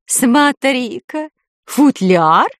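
A woman voicing a squeamish, fussy middle-aged wife with shrill exclamations and disdainful fussing, in a storybook reading. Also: very animated, normal speed, a little mellow, no echo, studio quality. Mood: surprised.

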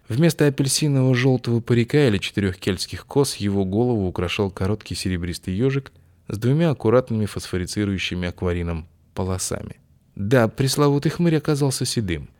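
A man with a fairly low voice reads a story aloud. His scripted narration is lively and ironic, lingering on odd details. The pace stays steady and easy to follow. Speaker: audiobook narrator.

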